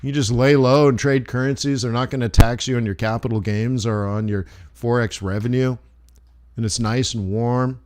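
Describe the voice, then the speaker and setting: Hosting a live trading stream, this man answers viewers in a loose, rambling, chummy way, restarting his sentences again and again. His voice is medium-pitched and darkish, with fairly even intonation and a moderate pace.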